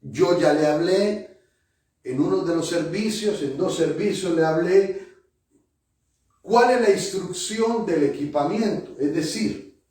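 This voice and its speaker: A man's voice: high-pitched, darkish tone. A male pastor preaching a sermon to his congregation, emphatic, repeating phrases for effect. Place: church hall. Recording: very echoey church hall, mic at a distance.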